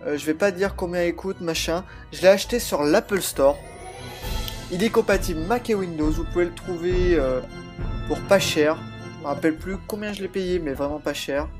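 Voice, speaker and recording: A man's voice: sits high, normal speed, over music. A man with a slightly altered voice, chatting and explaining as he plays a video game, recorded on a laptop's built-in microphone. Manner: chatty, explains while playing, frequent hesitations. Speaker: let's play host. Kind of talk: casual gameplay commentary.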